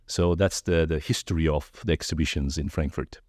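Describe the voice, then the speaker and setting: Deep-voiced Turkish-born man, friendly guest. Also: fairly quick, no echo, studio quality. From Turkey. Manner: friendly, storytelling with animated quoted voices. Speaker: podcast guest. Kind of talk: casual interview conversation.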